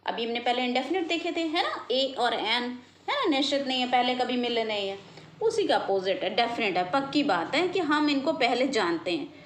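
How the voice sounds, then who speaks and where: High-voiced woman teaching grammar. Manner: checks understanding with frequent "okay?" tags; spells out letters and examples slowly. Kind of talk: explanatory classroom lesson.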